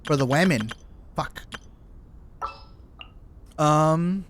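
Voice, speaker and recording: Speaking extremely slowly in a voice on the high side, a man streams a game and chats casually. He jokes, exclaims and swears a lot, with slight background noise present.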